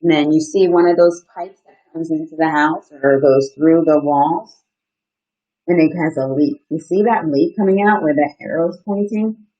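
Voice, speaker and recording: A thirtysomething outdoor educator reads to children in a small indoor room, using simple, interactive teacher talk and pausing to ask and explain encouragingly. Her voice is low-pitched and warm. The webcam sits at desk distance for the live video stream, and the recording sounds muffled.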